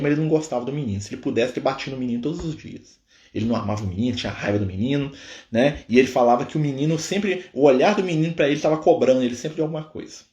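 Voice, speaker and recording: A man's voice: medium pitch, darkish tone. A man leading a Spiritist study on a livestream, retelling a story animatedly and checking in with constant tag questions. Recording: echoey room.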